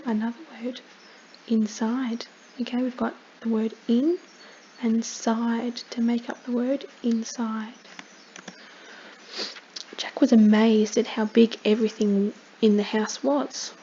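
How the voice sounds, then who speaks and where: A woman teaching compound words, reading a story aloud and pausing to explain gently. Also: a little high, fairly even intonation, a little hiss or hum. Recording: dull lo-fi with faint ambience.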